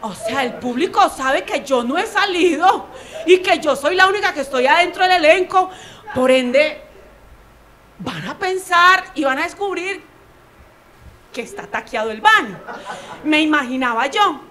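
A young Colombian woman tells a stand-up story in a high voice. She acts out the other people's voices with animated energy and laughs along as she goes. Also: a little slow, pauses often. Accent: Colombian Spanish. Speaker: stand-up comedian.

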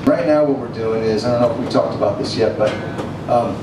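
A man's voice: mid-range voice, fairly quick. A middle-aged man answering audience questions at a film screening, breezy and slangy, speaking into a handheld mic. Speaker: film panelist. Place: small cafe gallery with audience. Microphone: handheld mic, far camera. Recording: echoey room from far off, noisy.

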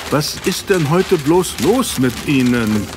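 An earnest Victorian doctor in an audio drama. His voice sits a little high. He sounds good-natured and easily flustered, with some light ambience behind him. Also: lively intonation, slow pace, background noise. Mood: puzzled, offended. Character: good-natured, flustered gentleman doctor, detective's loyal friend. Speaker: narrator and actor in an audio drama. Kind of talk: German radio-play acting.

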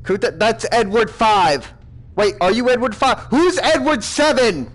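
High-pitched guy playing a villain boss, mock stern and fed up. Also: a little slow. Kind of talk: comedic gaming role-play.

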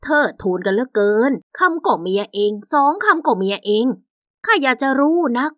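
A woman voicing a sharp-tongued, arrogant older mother-in-law in a radio story, with a coarse, scolding manner. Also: a little high, animated, normal speed, no echo, clean studio sound, voice pushed up. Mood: mocking.

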